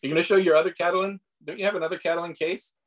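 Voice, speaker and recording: A man's voice: sits high, fairly even intonation, racing, rough recording. A man leading a casual club meeting on a video call, rambling with fillers and hedges.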